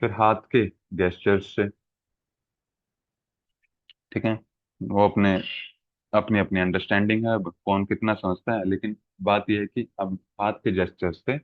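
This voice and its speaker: Male lecturer, lowish voice, patient explainer with examples, dry tinny phone-quality sound. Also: no echo. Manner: explains with everyday examples, frequent "ठीक है" checks. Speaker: exam-prep teacher. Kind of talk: classroom lecture.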